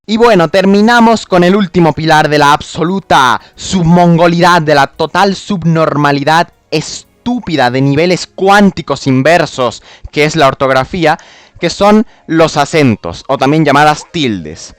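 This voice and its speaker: A man's voice: a little high, animated, measured pace, no room sound. A man ranting about spelling rules, exasperated, mocking and full of swearing. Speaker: video creator. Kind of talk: explanatory rant.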